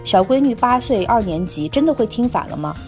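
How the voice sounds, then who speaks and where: A woman co-hosting a podcast, reading a listener's letter aloud at a steady, conversational pace. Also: on the high side, fairly quick, faint music behind. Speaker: podcast co-host.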